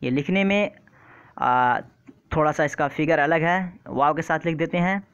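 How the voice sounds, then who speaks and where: A man's voice: a little high, measured pace, a bit bright, clean tone, lo-fi sound. A man teaching an exam-prep vocabulary lesson online, who often repeats terms and keeps asking his viewers questions. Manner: repeats words and quizzes the viewer.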